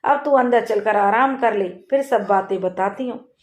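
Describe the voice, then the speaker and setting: A woman voicing a loving old grandmother in a folk tale, speaking gently and soothingly, in an echoey room. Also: medium pitch, moderate pace, close to an everyday voice. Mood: tender.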